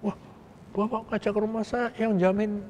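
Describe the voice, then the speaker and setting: A wary young rebel fighter, as an older man puts him on in a retold story, protesting in a voice pushed well above his own. The tone stays dark and mellow, and the lines come out as exclaimed objections. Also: sits high, level tone, moderate pace, a little hiss or hum, pitched above the performer's own voice, natural voice. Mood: alarmed.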